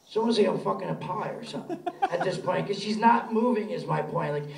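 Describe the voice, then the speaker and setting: A man with a high, gravelly voice rambles through a story on a live comedy podcast, giggling as he goes and acting out other people's lines. He sounds distant from the mic, and the stage gives his voice a roomy echo. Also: expressive, fast talker, darkish tone, slight background noise. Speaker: podcast co-host. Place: live stage before an audience.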